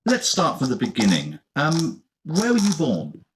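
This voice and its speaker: An actress playing a polite female interviewer in a scripted course-audio recording, speaking with clear enunciation. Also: low voice, huge pitch swings, measured pace, exaggerated voice. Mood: friendly. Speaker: interviewer in a textbook listening recording. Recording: course audio replayed with audible noise.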